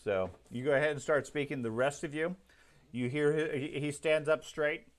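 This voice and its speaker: A man running a tabletop roleplaying game as game master, giving calm, matter-of-fact rulings. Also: a little high, moderate pace.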